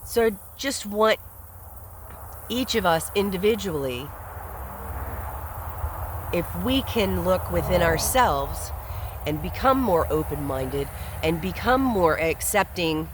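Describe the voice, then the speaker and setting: A man's voice: high voice, expressive, slow, long pauses, background noise. A man hosting a solo podcast, speaking in an earnest, reflective way and often repeating words as he thinks aloud. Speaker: podcast host. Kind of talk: solo commentary monologue.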